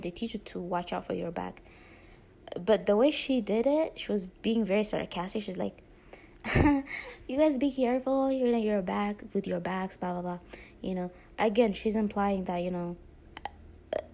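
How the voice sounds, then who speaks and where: A woman's voice: mid-range voice, gravelly, darkish tone. A woman telling a story on her own channel, in a blunt, rambling rant full of fillers. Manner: rambling and candid, with many fillers and short laughs; blunt and sarcastic. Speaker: YouTuber.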